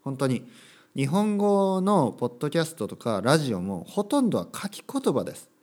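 A man with a fairly high voice, big pitch swings, a moderate pace and a slightly mellow quality hosts a casual solo podcast for Japanese learners. He thinks aloud, tags his sentences with frequent little asides, and acts out short sample dialogues in a livelier voice.

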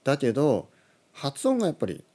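A man in his thirties teaching on a casual podcast, animated, chuckling, and correcting his own phrasing aloud. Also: medium pitch, a little fast. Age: 30s. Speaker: Japanese language teacher, podcast host.

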